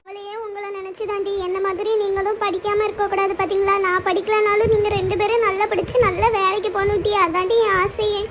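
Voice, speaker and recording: A woman voicing a shrill scolding mother. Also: level tone, fairly quick, noisy background. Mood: tender. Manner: shrill scolding, rising when upset. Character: scolding, fretful Tamil mother of two teen girls. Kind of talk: cartoon family comedy voicing.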